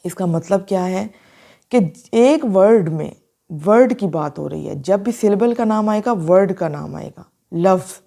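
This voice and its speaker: Woman teacher for a language lesson: slow, deliberate delivery, spells words out and sounds them out, soft warm tone. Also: mid-range voice, animated, gravelly. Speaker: English teacher. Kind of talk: explaining a phonology lesson, mixing Hindi and English.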